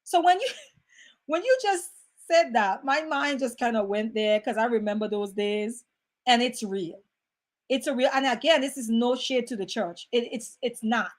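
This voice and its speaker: Animated high-voiced woman host. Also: normal speed. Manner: animated, conversational, reads out viewer comments. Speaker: host reading live chat. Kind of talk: casual livestream talk.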